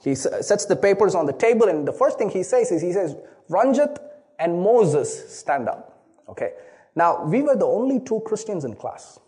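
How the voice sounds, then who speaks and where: This Indian-accented pastor from Chennai, whose native language is Tamil, preaches earnestly through a personal story, often restarting phrases with repeated opening words. His high voice has big pitch swings and a dark tone, at normal speed.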